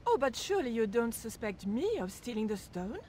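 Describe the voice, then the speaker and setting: A woman's voice: a little high, sing-song, fairly quick, dark tone, a little hiss or hum. An actress voicing a poised young woman investigator in a video game, polite and probing. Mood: matter-of-fact.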